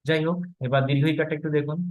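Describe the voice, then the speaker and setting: A man's voice: a little high, flat delivery, racing, darkish tone. A man teaching a grammar lesson, explaining step by step and asking the class rhetorical questions. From Bangladesh. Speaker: Sanskrit teacher. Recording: slightly dull, lo-fi recording.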